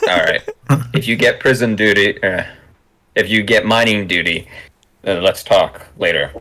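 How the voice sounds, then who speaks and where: Man, lowish voice, tabletop game player, deliberate, matter-of-fact. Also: sharp tone, poor audio. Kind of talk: casual tabletop game narration.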